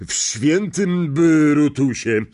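A man's voice: fairly high pitch, lively intonation, very slow, a little mellow, pitched above the performer's own voice. A man voicing a pompous, fawning middle-aged uncle who is fussy and eager to please. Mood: ingratiating.

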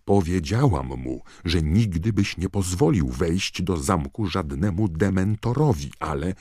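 A man voicing a stern older woman professor, shouting and trembling with anger. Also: sits low, lively intonation, a little slow, husky, no echo, pitched above the performer's own voice, full character voice. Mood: furious.

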